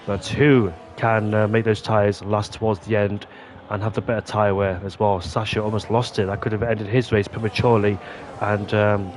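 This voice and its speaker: A man giving live commentary on a sim racing league race, getting loud and high during close battles and dropping into apologetic asides. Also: little pitch movement, normal speed, slight background noise.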